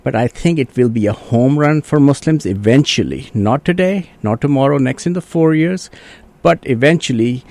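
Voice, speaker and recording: Appearing as a guest on a radio interview, an orthopedic surgeon from Pakistan whose first language is Urdu speaks at normal speed in a mid-range, slightly mellow voice. He is earnest and thoughtful, frequently restarting his sentences and using "you know."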